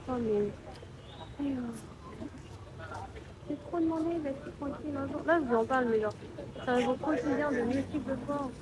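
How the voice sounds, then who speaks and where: A woman's voice: high-pitched, poor audio. A young woman vlogging into her phone outdoors, ranting in a casual, chatty way with lots of fillers. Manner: annoyed, chatty, many fillers like genre and euh. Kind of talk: casual vlog rant. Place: outdoors waiting on the street. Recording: outdoor street noise behind.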